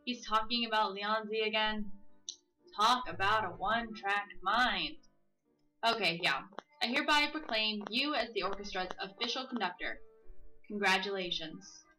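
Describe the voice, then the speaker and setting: A woman with a bright, crisp voice reads a story game's narration and dialogue aloud. She cracks jokes between lines and stretches out key words for comic effect. Faint game music plays beneath her. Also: mid-range voice, low-quality recording. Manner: playful, drawls dialogue slowly for comic emphasis. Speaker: let's play host. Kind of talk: reading a visual novel aloud with casual commentary.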